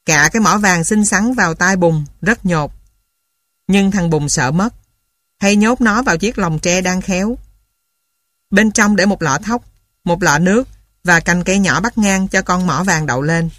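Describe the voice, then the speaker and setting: A woman narrating a childhood story for an audiobook in a calm, even reading voice. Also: on the low side, a little slow, dry recording, clean studio sound.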